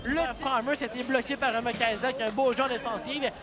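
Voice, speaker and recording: A man with a Quebec French accent giving excited sports commentary as an ice hockey play-by-play announcer, urgent and ready to burst into shouts. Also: extremely high pitch, a little fast. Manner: urgent calls that burst into shouts on shots and goals. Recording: loud arena crowd and music behind. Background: cheering crowd and arena music.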